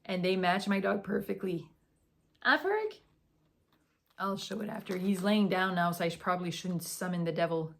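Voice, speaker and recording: A woman's voice: lowish voice, level tone, fairly quick, gravelly, hardly any pauses, a little hiss or hum. A young woman hosting a casual knitting podcast, chatty and gushing, tired after a morning run. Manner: chatty and gushing, with fillers and restarts. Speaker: podcast host.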